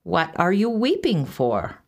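Sly little dwarf guy, slow sneaky drawl, sing-songy, woman putting it on, low-ish. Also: sing-song, gravelly, a little mellow, full character voice. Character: droll hobbling little dwarf, wily bargainer.

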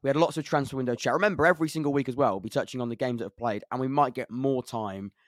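Man, english accent, podcast host, quick delivery, dry close sound. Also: medium pitch, dry recording. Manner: chatty, laughs often, self-deprecating. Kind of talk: casual football podcast chat.

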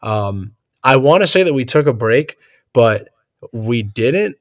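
A man's voice: medium pitch, animated, takes it slowly, no echo, clean studio sound. A young man hosting a casual gaming podcast, rambling and laid-back, laughing often as he talks. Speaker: podcast host.

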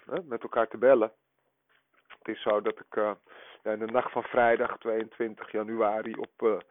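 A man in his forties leaving a rambling voicemail, played back over a phone line, talking haltingly with many hesitations. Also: mid-range voice, no echo. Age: 40s. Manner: halting, full of hesitations and filler sounds. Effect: voicemail message played over a phone line. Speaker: podcast co-host.

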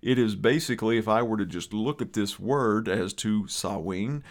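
Hosting a podcast, this Eastern Kentucky man talks at a normal speed with a lowish voice. He rambles conversationally, dropping folksy asides along the way, his regional accent clear throughout.

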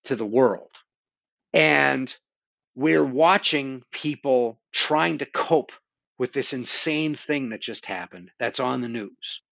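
Gravelly man enthusing about horror. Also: medium pitch, slow, no room sound, highs cut off. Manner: animated storytelling with swearing. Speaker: podcast host. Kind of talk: casual conversation about horror films.

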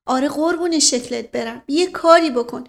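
Flustered pleading older lady, done by a woman reader, high-pitched, raised, audiobook. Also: vocal fry. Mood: begging. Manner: pleading, fussing. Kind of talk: audiobook character reading.

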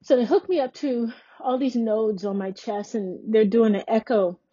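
Woman, podcast host, personal storytelling, earnest emphatic delivery, mellow tone, dull lo-fi audio. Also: a little high, normal speed, husky.

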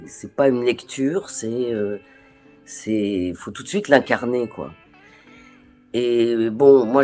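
Animated, hesitant French voice actress. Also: female voice, a bass voice. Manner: animated, acts out remembered dialogue; hesitant, with frequent restarts. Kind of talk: interview conversation.

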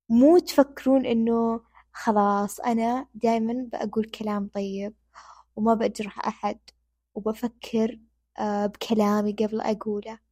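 Young woman, warm mellow voice, dry close sound, earnest advice chat. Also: mid-range voice, husky, dry recording. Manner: earnest, repeats herself for emphasis. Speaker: host. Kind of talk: casual advice talk to the camera.

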